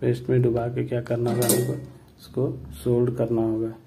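A man explaining a repair step by step in a plain tutorial manner, often pausing to check in with viewers. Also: mid-range voice, completely flat delivery, gravelly, noisy background. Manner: plain explanatory, repeats "ठीक है" and "दोस्तों".

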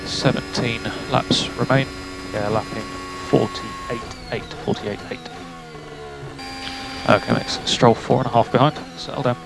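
A man's voice: mid-range voice, steady tone, measured pace, creaky, rough recording. A man working as a race engineer, giving clipped, matter-of-fact updates over race car radio and repeating key figures. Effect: team radio transmission.

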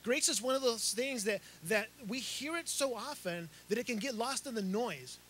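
A middle-aged pastor who grew up in Chile preaches outdoors under a tent, holding a handheld mic. His voice sits very high for a man and rings bright and forward. He gestures as he talks, doubling back on words and restarting phrases, with a faint hiss behind him. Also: expressive, moderate pace. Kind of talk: sermon. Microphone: handheld microphone.

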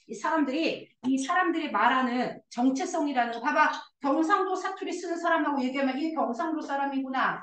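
A woman teaching a high school English class, explaining a passage and coaxing her students with constant questions. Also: fairly bright tone, roomy sound, recorded from a distance, low-quality recording. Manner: coaxing, asks students questions and answers herself.

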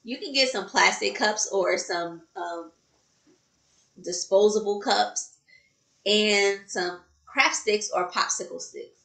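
A woman's voice: medium pitch, creaky. A woman preschool teacher reading a story aloud expressively to children and explaining a craft activity. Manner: slow, expressive, talking to children. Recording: roomy echo.

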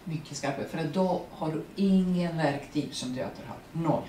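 A woman with a Serbian accent and Serbian as her first language, speaking as the guest at a public artist talk, animated, laughing often and searching for words. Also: low voice. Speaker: guest actress. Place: print workshop event room. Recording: roomy, distant mic, faint noise.

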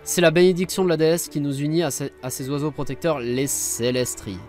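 A man reading aloud the lines of a calm, kindly elderly male headmaster from a video game in a plain, even voice. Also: fairly high pitch, brisk, soft background music, natural voice. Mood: solemn.

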